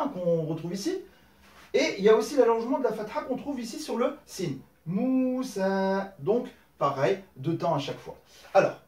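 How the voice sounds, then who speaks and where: A man's voice: high-pitched, darkish tone, roomy sound, distant mic. A man teaching a language lesson at a whiteboard, explaining step by step and often checking in with "d'accord?". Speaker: Arabic teacher.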